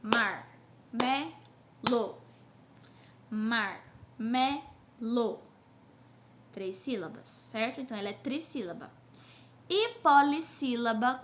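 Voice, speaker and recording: A woman teacher gives a recorded class lesson to children, sounding out words slowly syllable by syllable, recorded on a phone on a stand. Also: high-pitched, pushed and bright, slight background noise. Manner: slow syllable-by-syllable drilling.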